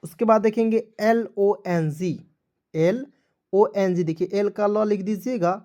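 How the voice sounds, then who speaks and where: Male English teacher, mellow voice, letter-by-letter spelling lesson, repeats each word, answers his own questions. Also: high voice, fairly even intonation, a little slow. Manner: repetitive, asks questions and answers them himself.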